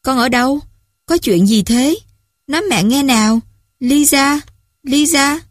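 A worried middle-aged mother speaks softly and soothingly to her child, as a woman reading a story puts her on. The sound is dry and close. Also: high voice, unhurried, no room sound, voice pushed up. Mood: panicked. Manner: soft, soothing.

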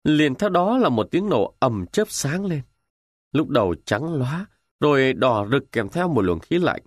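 Man, audiobook narrator, lively rising and falling pitch, dry close sound. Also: measured pace, dry recording. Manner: dramatic, expressive reading. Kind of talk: scripted first-person narration of a novel.

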